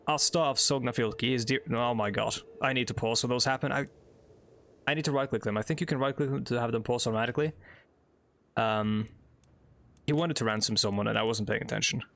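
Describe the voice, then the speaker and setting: A medium-pitched, gravelly, fairly bright voice belongs to a young let's play host from Norway who talks a little fast. English is his second language, and his Norwegian-accented commentary rambles with many fillers and asides as he reads the game's text.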